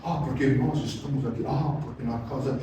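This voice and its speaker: A man putting on the soft, affected speech of a sanctimonious churchgoer, recorded in an echoey hall from a distance. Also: mid-range voice, fairly even intonation, brisk, slight background noise, voice pushed down, lightly acted. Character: sanctimonious churchgoer man with syrupy pious talk.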